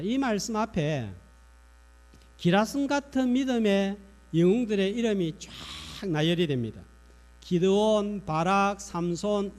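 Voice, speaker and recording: High, animated Korean pastor preaching. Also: male voice. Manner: rhetorical questions to the congregation. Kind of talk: sermon. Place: church.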